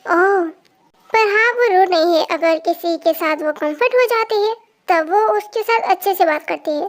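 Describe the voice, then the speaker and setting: A storyteller reading a fan story aloud and voicing every character's lines in a lively way, switching quickly from one to the next. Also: very high-pitched.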